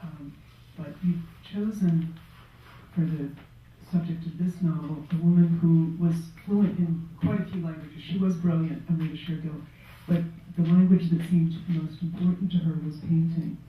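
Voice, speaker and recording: A woman's voice: deep voice, steady tone, normal speed. A woman moderating a literary panel in a bookstore, asking long, hesitant questions full of ums. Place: bookstore event room. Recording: tinny, echoey sound from far off.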